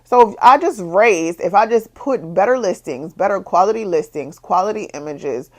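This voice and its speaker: A young woman who runs her own bikini business, telling her story in a casual vlog, repeating herself and rising higher as her frustration builds. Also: animated, normal speed. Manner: exasperated, repetitive, rises in pitch when frustrated. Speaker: small business owner, bikini designer.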